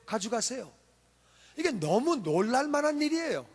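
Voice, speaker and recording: In a church sanctuary filled with long hall reverb, a male pastor preaches a sermon. His very high, fairly bright voice is expressive and moves at a moderate pace as he tells the story through emphatic rhetorical questions.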